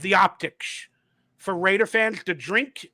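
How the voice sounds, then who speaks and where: A man's voice: high-pitched, unhurried, sharp tone, no room sound. A man hosting a casual fan livestream, talking animatedly and acting out quotes as he tells stories, swearing freely. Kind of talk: casual chat.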